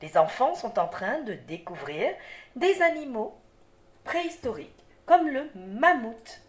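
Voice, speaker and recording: A woman teacher giving a slow, carefully articulated reading lesson for young children, patient and encouraging as she speaks straight to the child. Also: a little high, sing-song. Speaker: primary school teacher.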